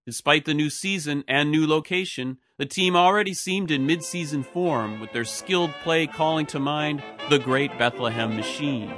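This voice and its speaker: A man's voice: a little high, normal speed, few pauses, fairly bright tone. A man reading a scripted history narration as a podcast host. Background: music.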